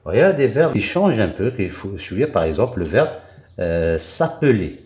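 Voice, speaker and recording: A man with a Moroccan accent teaching a grammar lesson, drilling forms slowly with many repetitions and fillers. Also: on the low side, big pitch swings, darkish tone. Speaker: French teacher. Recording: echoey room.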